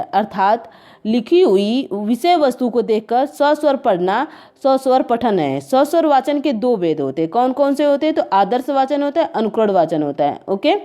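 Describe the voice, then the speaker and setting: Woman exam tutor, higher-pitched but mellow voice, steady explain-and-repeat delivery. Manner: addresses viewers as friends, repeats "okay" between points. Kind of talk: exam answer walkthrough.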